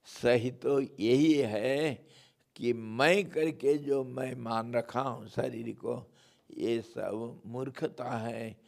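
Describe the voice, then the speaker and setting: A male swami delivering a spiritual discourse. He speaks very slowly and deliberately, teasing his listeners playfully. His voice has a gravelly, creaky texture at a middle pitch. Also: fairly even intonation, darkish tone. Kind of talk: devotional sermon with storytelling.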